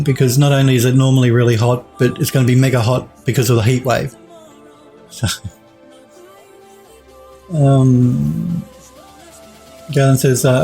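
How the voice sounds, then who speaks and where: A man's voice: mid-range voice, creaky, mellow. Chatty Australian man streaming. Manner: rambling, chatty, many restarts and chuckles. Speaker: 3D modelling streamer. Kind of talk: casual live-stream chat reading viewer comments. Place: home studio at a desk.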